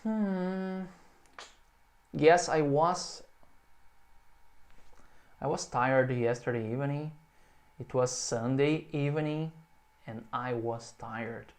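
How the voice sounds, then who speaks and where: A man's voice: mid-range voice, extremely slow, pauses often. A man with a Brazilian Portuguese accent, teaching English in a video lesson and stretching out example phrases for the learner to repeat.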